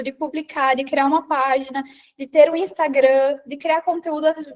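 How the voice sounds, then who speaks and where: This high-pitched woman from inner Paraná, Brazil, speaks with the local accent in a live online talk to a women's group on public presence and confidence. She is conversational, speaks straight to her listeners, reads out what they comment, and frequently adds a rhetorical "né?".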